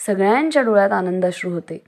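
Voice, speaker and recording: A woman narrating a children's storybook at a middle pitch. Her reading is clear and even, with a steady storytelling flow. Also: quick pace.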